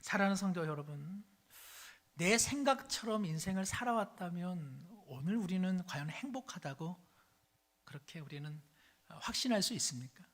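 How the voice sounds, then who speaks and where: A man's voice: high-pitched, animated, moderate pace, fairly bright tone. A man, a pastor, preaching a sermon in a church, telling stories and acting out the voices of the people in them. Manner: storytelling, acts out voices. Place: church sanctuary.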